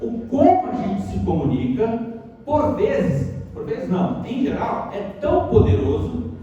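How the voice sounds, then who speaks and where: A man with a very high-pitched, sing-song, mellow voice speaks at a measured pace, heard from far off in an echoey auditorium with lo-fi sound and slight background noise. He's a university lecturer leading a workshop in Brazilian Portuguese, often putting rhetorical questions to his audience.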